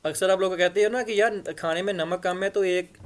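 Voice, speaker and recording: A man teaching English idioms in a casual spoken lesson, explaining in Hindi-Urdu and reading the English phrases slowly, with frequent fillers and repeats. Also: high voice, fairly even intonation. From Punjab. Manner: hesitant, many fillers and repeats.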